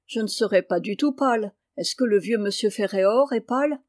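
A woman's voice: medium pitch, moderate pace, no echo, studio quality, natural voice. A woman voicing a sullen, ambitious schoolboy who scorns farm work.

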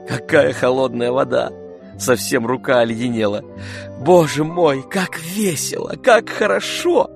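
A man reading an audiobook, voicing a playful, mischievous young woman in a raised, lively voice. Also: medium pitch, measured pace, creaky, soft background music, voice pushed up. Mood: delighted.

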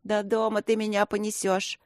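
A woman's voice: mid-range voice, level tone, moderate pace, dry recording, clean studio sound, natural voice. A woman voicing a loyal teenage girl friend who teases in a lazy, wry drawl.

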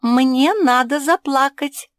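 A woman voicing an anxious little female pug who pleads in a high, urgent voice. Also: slow, no echo, studio quality. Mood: anxious pleading.

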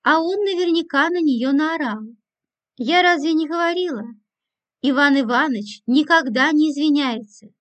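High-voiced woman narrating an audiobook. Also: moderate pace, a bit bright. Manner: dry and ironic. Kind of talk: first-person audiobook narration.

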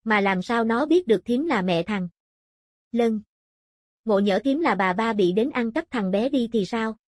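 A woman reading the part of a calm, good-humored old village hunter in a storybook, in a steady, gently joking way. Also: fairly high pitch, measured pace, dry recording, studio quality. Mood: wry.

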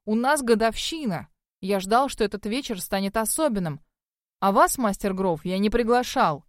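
A woman's voice: mid-range voice, lively intonation, moderate pace, no room sound, clean studio sound, natural voice. Woman voicing a bewildered, timid young man. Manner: bewildered, whiny. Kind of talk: audiobook character voice.

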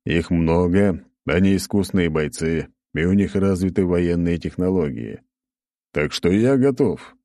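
A man doing a gruff Spartan warrior. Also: sits low, measured pace, warm tone, no echo. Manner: gruff, stern.

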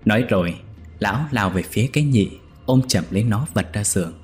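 A man narrating a scripted ghost story in a measured, steady way. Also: lowish voice, soft background music.

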